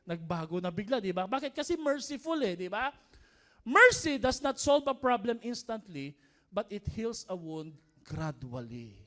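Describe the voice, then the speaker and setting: A man's voice: sits high, sing-song, moderate pace, bright, forceful tone. A man with a Filipino accent, preaching a sermon as pastor and mixing Tagalog and English, often asking the congregation to respond. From Philippines.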